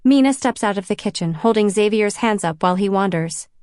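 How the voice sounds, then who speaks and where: A woman's voice: mid-range voice, a little fast, darkish tone, clean tone, no room sound, clean studio sound. Woman narrating a first-person audiobook.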